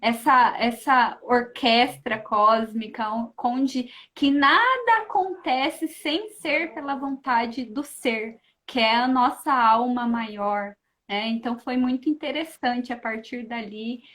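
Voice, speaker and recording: A woman's voice: on the high side, slow pace, few pauses. A woman, a guest in a casual chat, telling a personal story animatedly and often tagging her sentences with questions. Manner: animated, keeps adding questioning tags; acts out her own past thoughts in lively asides.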